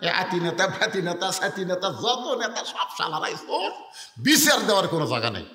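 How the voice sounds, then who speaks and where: A man from Bangladesh, preaching a sermon full of folksy stories and prodding the crowd for answers, at times bursting into shouts. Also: sits high, very animated, moderate pace, echoey room. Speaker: Islamic preacher. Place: open-air religious gathering.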